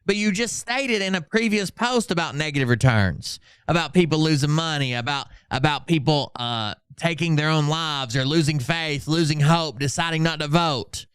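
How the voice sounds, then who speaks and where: Barely pausing, this livestream host talks at normal speed in a voice on the high side, fairly bright, clear and resonant, with no echo. Casual and sweary, he sarcastically picks apart social media posts, reading them out in a mock-dramatic tone.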